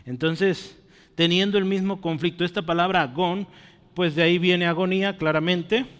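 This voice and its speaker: Preaching in a church with long hall reverb, this man speaks earnestly and often puts questions to his congregation. His voice sits high and is clear, resonant and a bit bright, with a steady tone and moderate pace.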